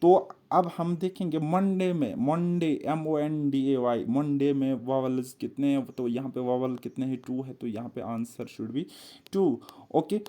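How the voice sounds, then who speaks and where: Mellow-voiced male exam tutor. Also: medium pitch, fairly even intonation, a little slow. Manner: repetitive, step-by-step, quizzes the viewer. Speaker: exam-prep teacher. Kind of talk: explaining reasoning puzzles on a board.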